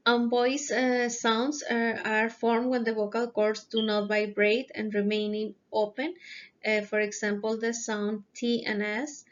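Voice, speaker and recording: A woman narrates a lesson over slides, taking her time and often stopping to hesitate. Her voice sits fairly high, and she speaks very slowly. The recording sounds dull and lo-fi. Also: flat delivery. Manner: slow, careful explanation with frequent hesitations. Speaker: presenter explaining phonetics.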